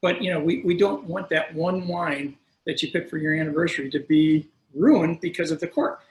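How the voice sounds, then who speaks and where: A man's voice: fairly high pitch, steady tone, moderate pace, roomy sound, rough recording. A middle-aged man who runs a wine shop, hosting a video-call tasting in a casual, chatty way, telling stories and correcting himself as he goes. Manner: chatty, storytelling, self-correcting. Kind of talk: casual explanatory talk.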